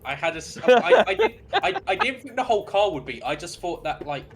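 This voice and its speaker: A man's voice: high voice, wildly swooping pitch, brisk, a crowd in the background. A man chatting casually and teasing his friends while racing in a driving game. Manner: wry, teasing, laughs easily. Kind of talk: casual gaming chat.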